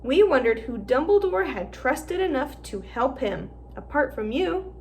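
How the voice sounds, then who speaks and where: Clever schoolgirl witch, voiced by a woman, warm and coaxing, highish. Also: measured pace, heavily acted. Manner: warm, flattering.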